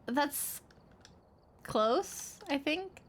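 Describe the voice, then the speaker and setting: A young woman streamer chats her way through a game with a slightly high, widely swinging voice, taking her time over each thought. She laughs easily and throws in big dramatic reactions. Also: expressive, extremely slow, slight background noise. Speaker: streamer host. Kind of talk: casual live-stream chat while gaming.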